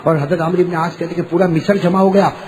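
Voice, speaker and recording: A man preaching a sermon. He moves from low storytelling to loud, shouted peaks, calls on the crowd to answer, and chants verses slowly. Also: fairly even intonation, low-quality recording.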